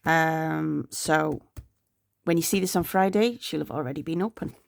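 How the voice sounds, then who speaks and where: A woman planner vlogger chats casually as she plans, rambling and sometimes murmuring to herself, congested and sore-throated. Her low, creaky voice moves at a moderate pace on a dry recording.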